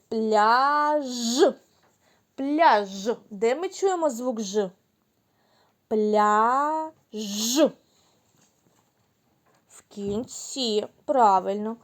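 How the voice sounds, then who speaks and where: A woman teaching a phonics lesson to small children, giving slow, clear, sing-song instructions. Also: a little high, animated. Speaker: kindergarten teacher.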